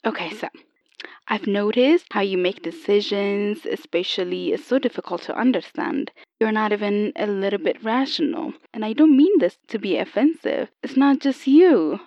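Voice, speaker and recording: A woman playing a calm AI over an old telephone. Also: medium pitch, dry recording. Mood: calm explaining. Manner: patient, explaining, slightly halting. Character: calm AI copy of an older woman. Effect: voice over an old telephone line. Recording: dull lo-fi phone sound, dry.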